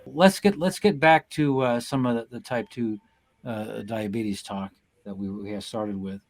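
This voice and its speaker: A man's voice: medium pitch, a little slow. A man hosting a casual live podcast over a video call, talking in an easygoing way with many fillers. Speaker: podcast host.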